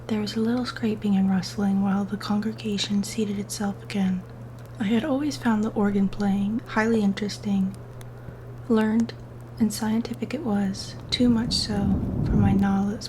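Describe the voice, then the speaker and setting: A woman whispers a gothic horror tale in an ASMR style, keeping her delivery hushed and breathy. Her pitch stays very flat as she draws out phrases slowly and deliberately. Clear background noise sits behind the voice. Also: poor audio.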